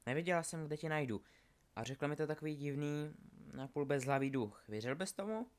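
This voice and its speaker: A nervous young witch who rambles in a soft, quiet, raised voice, as a male reader puts her on. She hesitates and trails off between thoughts. Her pitch lifts lightly while the volume stays low. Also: expressive, close to an everyday voice. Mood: shy, chatty.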